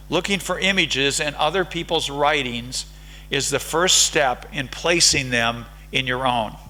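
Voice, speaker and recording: A man's voice: a little high, sharp tone, low-quality recording. A man with an American accent giving an academic lecture at a conference, engaging the audience by putting questions to them. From United States. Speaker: conference speaker. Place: lecture hall.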